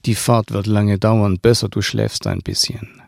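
A man's voice: fairly low pitch, level tone, unhurried, vocal fry, a little mellow, no room sound, studio quality. A man reading aloud and voicing a cold, stern woman who takes a child away and speaks in curt commands.

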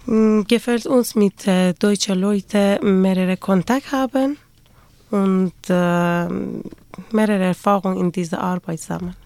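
A woman's voice: mid-range voice, unhurried, a little mellow, dry recording. A woman from Afghanistan, a studio interview guest who speaks simple, careful German. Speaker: guest, seamstress in project.

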